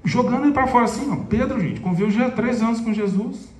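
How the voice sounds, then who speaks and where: A man's voice: very high voice, quick pace, a little mellow. A man with a Minas Gerais accent giving an informal storytelling lecture to an audience, speaking chattily and addressing them directly. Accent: Minas Gerais Portuguese. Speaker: spiritist lecturer. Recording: echoey hall, mic far off.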